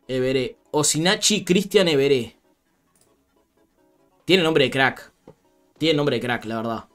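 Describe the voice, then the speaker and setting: A young man with a Rioplatense Spanish accent and a fairly high voice talks casually about football on a live stream. He laughs a lot and reads viewer comments aloud.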